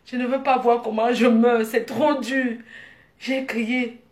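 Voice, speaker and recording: Woman, casual vlog storytelling, animated, laughing, raised pitch. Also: slow, noisy background. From Africa. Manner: animated, laughing, bursts into excited exclamations. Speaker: vlogger.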